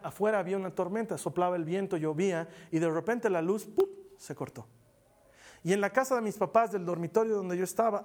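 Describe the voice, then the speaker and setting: A man preaching a sermon as pastor, earnest, rising to loud urging and dropping to near whispers. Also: sits high. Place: church meeting hall, also streamed online.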